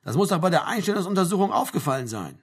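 A man reading a story aloud, voicing a mocking, gruff middle-aged army sergeant in a raised, sarcastic voice. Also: high voice, big pitch swings, quick pace, pitched above the performer's own voice, exaggerated voice. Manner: sarcastic, barking questions.

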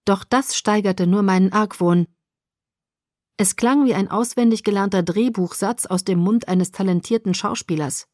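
A woman narrating a first-person audiobook in an expressive reading that swings between loud and soft. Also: medium pitch, no echo, studio quality.

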